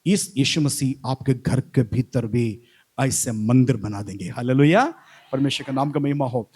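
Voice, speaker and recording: A man's voice: medium pitch, a little slow, darkish tone, breathy edge. A male pastor preaching in a church, reading scripture line by line with the congregation and calling out hallelujah. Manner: preaching with call-and-response Bible reading and repeated hallelujahs. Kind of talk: Hindi sermon.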